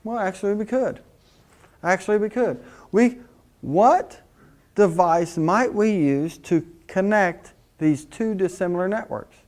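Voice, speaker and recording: In a technical class, a middle-aged male instructor talks conversationally, sharing anecdotes and posing rhetorical questions. His voice is high and darkish in tone, and he speaks without hurrying.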